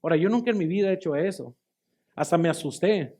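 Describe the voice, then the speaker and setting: A pastor gives his testimony in a sermon with a high, dark-toned voice at a quick pace. He tells his story emphatically, repeats phrases for stress, and addresses his listeners as brothers.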